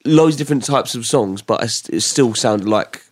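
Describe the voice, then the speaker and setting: A man's voice: medium pitch, moderate pace, breathy edge, no room sound, studio quality. A man co-hosting a podcast, giving laid-back, hedging opinions on an album. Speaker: podcast co-host. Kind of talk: casual album review chat.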